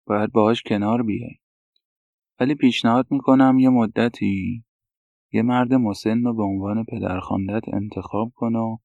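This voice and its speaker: A man's voice: on the low side, creaky, a little mellow, no echo. A man voicing a frank male doctor who gives direct, matter-of-fact advice. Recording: dull, dry lo-fi recording.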